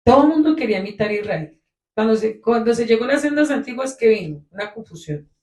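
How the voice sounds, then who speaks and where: A woman preaching a sermon to her congregation. She talks with emphasis, swelling and dropping her loudness to stress her points. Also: on the high side, lively intonation, fast. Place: congregation meeting room. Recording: echoey room.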